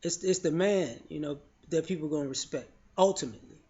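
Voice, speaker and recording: Man, fairly high voice, frank casual commentary, lots of restarts, muffled lo-fi recording. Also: a little fast, darkish tone. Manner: loose, frank, repeats "you know" and restarts often. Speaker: vlogger sharing opinions. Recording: dull lo-fi audio.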